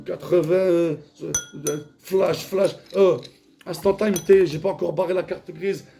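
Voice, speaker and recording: A man rambling in a casual, vulgar monologue, jumping between mumbles and shouts. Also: high voice, fairly even intonation, a little slow, vocal fry, faint music behind.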